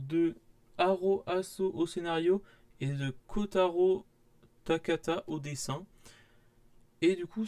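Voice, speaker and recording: A man's voice: on the high side, darkish tone. A young man, casually rambling through a manga haul vlog with many fillers and restarts. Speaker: manga vlogger.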